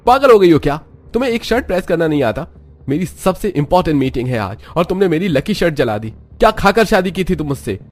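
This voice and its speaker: Guy doing a snappy hot-headed young husband, pitched up and yelling. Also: a little fast, natural voice. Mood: angry. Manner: shouting, irritable. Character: short-tempered young husband. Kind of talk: cartoon story voice acting.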